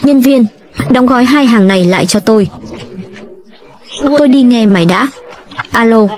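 A woman with a slightly high voice reads all the parts of a drama recap. Her delivery stays steady and even throughout. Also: normal speed. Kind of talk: dubbed drama reading.

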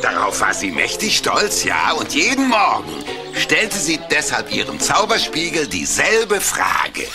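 A man voicing a grouchy furry monster who reads a fairy tale aloud theatrically in a gravelly voice. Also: a little high, wildly swooping pitch, unhurried, heavily acted. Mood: dramatic storytelling. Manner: theatrical, emphatic. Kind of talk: storybook fairy-tale narration. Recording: music behind the voice.

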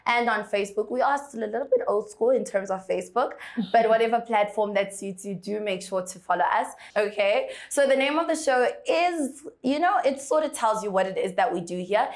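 A young woman from South Africa hosting a studio interview show, lively and chatty, laughing often. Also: medium pitch. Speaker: talk show host. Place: bright studio set with pink rug.

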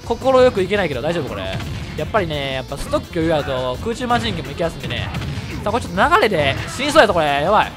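A man with a Kansai Japanese accent commentating his own fighting game matches, excitable and quick to shout and laugh at big plays. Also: a little high. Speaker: gameplay commentator. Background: background music.

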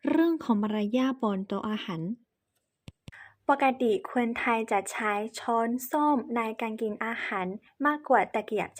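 Lady teaching in thai as a foreigner, a bit halting, polite, highish voice. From China. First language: Chinese. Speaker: presenter on cultural etiquette. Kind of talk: explanatory lesson to camera.

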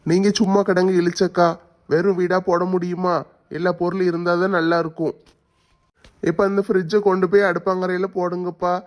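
A man's voice: high voice, flat delivery, a little fast. A man playing a kind, reassuring father-in-law in a family skit. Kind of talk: family comedy skit acting.

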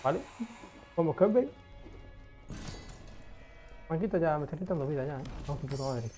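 A young man giving casual gameplay commentary, excitable, swearing often and talking to himself as he plays. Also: on the high side, a little fast, faint music behind. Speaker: gaming streamer.

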